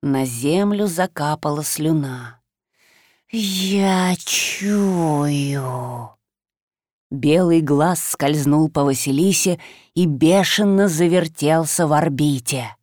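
Slow, dry-voiced woman narrator. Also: sits low, warm tone, no echo. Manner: measured, unhurried storytelling. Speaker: audiobook narrator. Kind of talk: scripted fantasy narration.

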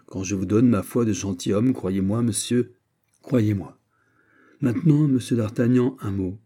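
A man reading a commanding exiled king, low and husky. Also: dark tone. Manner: measured, courtly, gives orders. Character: proud exiled young king, calm and commanding. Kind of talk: audiobook character reading.

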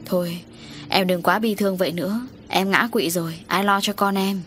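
A woman's voice: medium pitch, fairly even intonation, moderate pace, a bit bright, slight background noise, natural voice. A woman voicing a middle-aged male landowner who hedges and then snaps in a storybook reading. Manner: hesitant, then snapping. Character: middle-aged man, a landowner, evasive and hot-tempered.

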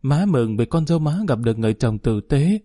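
A man's voice: medium pitch, expressive, fairly quick, mellow, dry recording, studio quality, natural voice. A man reading as a grieving old mother. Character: grieving older mother mourning her son.

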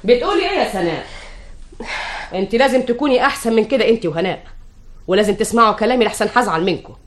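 A woman's voice: a little high, expressive, very fast, close to an everyday voice. An actress with an Egyptian accent playing a bossy widowed mother in an old radio drama, scolding and insistent. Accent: Egyptian Arabic.

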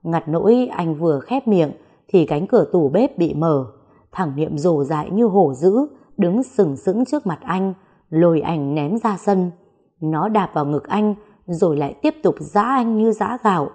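Low mellow woman narrating a story. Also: expressive, unhurried, slightly rough. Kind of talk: scripted audio story narration.

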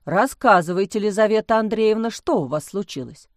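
A woman voicing a stern bearded village priest, a weary middle-aged man who grumbles slowly and gravely. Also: mid-range voice, animated, dry recording, studio quality, natural voice. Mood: commanding. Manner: gruff grumbling, slow and grave.

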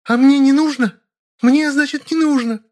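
Casting: man doing a shrieking young pregnant wife, voice pushed very high, always on the edge of tears, storybook drama. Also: fairly even intonation, normal speed. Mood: shrieking furious. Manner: screeching, wailing accusations. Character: shrill young pregnant woman, hysterical.

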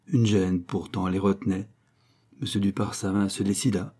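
A man with a dark, husky, fairly low voice reads a short story aloud. His telling is expressive and lively, lifting suddenly and then dropping into hushed asides. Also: moderate pace. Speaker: audiobook reader.

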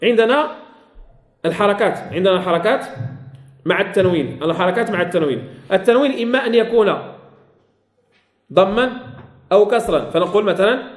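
A man's voice: sits high, expressive, a little fast, long pauses, echoey room. A man teaching a classroom lesson on Quran recitation rules, repeating key phrases and quizzing his students.

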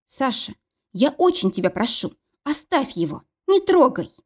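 A woman voicing a frightened young woman, speaking high and pleading. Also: very animated, moderate pace, a little mellow.

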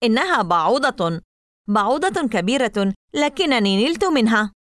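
A woman's voice: a little high, very animated, moderate pace, dry recording, clean studio sound, voice pushed up. A woman reading aloud and voicing a teasing, spooky-minded young girl in an audiobook. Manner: playful, eager, teasing.

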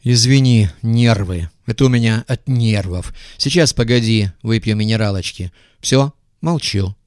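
A male narrator voices a rough, sarcastic lawyer in an audiobook. He speaks coarse and mocking, with a dry, close sound. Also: lowish voice, unhurried, darkish tone, no echo, lightly acted. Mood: flustered. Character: coarse, sardonic lawyer sidekick.

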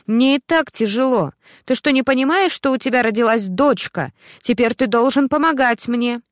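A woman voicing a demanding young mother who shouts and scolds her husband. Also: a little high, sing-song, normal speed, no room sound, studio quality, voice pushed up. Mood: shrill. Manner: loud, scolding, insistent.

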